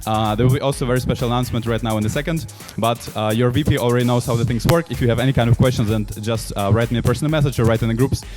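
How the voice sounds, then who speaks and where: A man hosts an online event presentation from home. He sounds energetic and upbeat, with a voice of middling pitch. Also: very fast, few pauses, over music. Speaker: event host. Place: at home on a couch.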